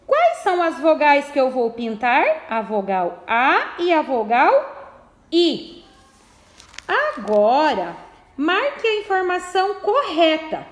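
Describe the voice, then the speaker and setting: A woman's voice: high-pitched, roomy sound. A woman teacher, patiently explaining a lesson and reading exercises aloud.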